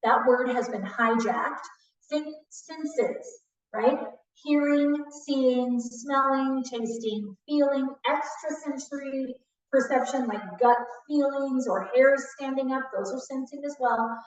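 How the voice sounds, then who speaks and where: A woman's voice: sits high, takes it slowly. A woman instructor leading a live trauma training class, talking the group through ideas and often checking in with "right?". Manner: warm teacherly, frequent "right?" check-ins. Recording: distant echoey dull room audio.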